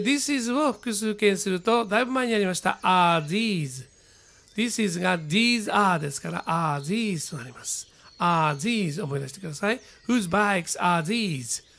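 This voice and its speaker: Gravelly high-voiced man teaching English. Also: pushed and bright. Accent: Japanese. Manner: explains patiently, slow deliberate model readings. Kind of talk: radio-style English lesson.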